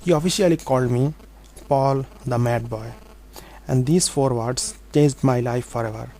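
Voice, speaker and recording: A man speaks in a mellow, slightly dark voice at a middle pitch. He tells his own story in an earnest, halting way and slips on his grammar now and then. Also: a little hiss or hum, poor audio. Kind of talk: personal storytelling monologue.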